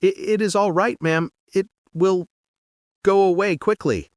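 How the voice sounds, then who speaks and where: A man's voice: sits high, fairly even intonation, a little slow, a little mellow, no room sound, studio quality, pitched above the performer's own voice. A man doing a stammering, shy young servant. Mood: flustered.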